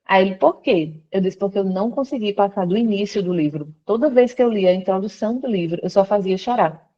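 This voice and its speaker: In a muffled recording, a woman with a mid-range voice speaks briskly as a guest on a call from work. She recounts her conversion testimony like a story, voicing other people's words with animated changes in tone.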